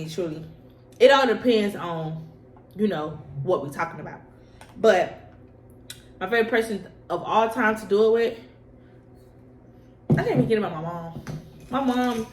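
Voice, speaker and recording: A young woman talks casually to her viewers in an informal, slangy way, often repeating phrases for emphasis. Her voice sits at an average female pitch. The room is noticeably echoey, with faint noise behind her. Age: young adult. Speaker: vlogger answering personal questions. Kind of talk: casual mukbang chat to camera.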